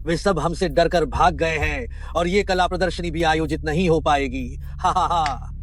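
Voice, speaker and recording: Dubbed drama: male voice actor as an arrogant village head, high-pitched, sneering and menacing. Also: normal speed, slight background noise, natural voice. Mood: gloating. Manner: sneering, threatening.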